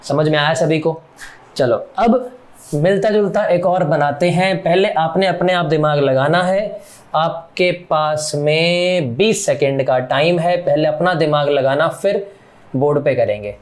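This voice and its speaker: Male math teacher, somewhat high voice, patient step-by-step whiteboard lesson. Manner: explains step by step, asks the class rhetorical questions; counts off axis numbers in a low voice while drawing. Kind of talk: recorded whiteboard lecture.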